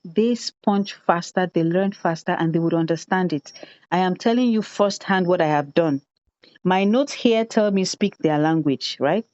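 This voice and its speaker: An education consultant leads an online teacher training over a video call, telling classroom stories with animation, acting out children's voices and repeating phrases for emphasis. Her voice sits on the low side at a moderate pace, and the video-call audio is dull and dry.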